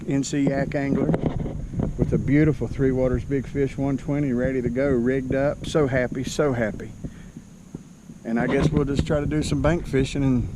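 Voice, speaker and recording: A man's voice: medium pitch, heavy background noise. A man vlogging outdoors at a lake boat landing, out of breath, exasperated and self-deprecating, often calling on the Lord. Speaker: kayak fishing vlogger. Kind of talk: casual outdoor vlog.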